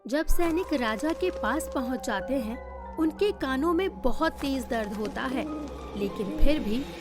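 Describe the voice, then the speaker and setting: Woman narrator, high and unhurried, scripted cartoon narration, faint music behind. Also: lively intonation. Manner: measured storytelling.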